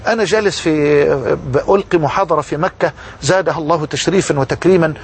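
A man's voice: a little high, fast, a little hiss or hum. A man preaching a sermon with an Egyptian Arabic accent, telling a story fervently and repeating key words for emphasis.

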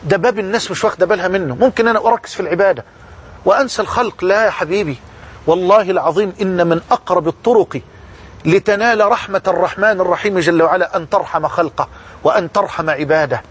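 High-voiced fervent Egyptian preacher. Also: male voice, fast talker, slightly rough. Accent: Egyptian Arabic. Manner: fervent, storytelling, repeats for emphasis. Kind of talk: sermon.

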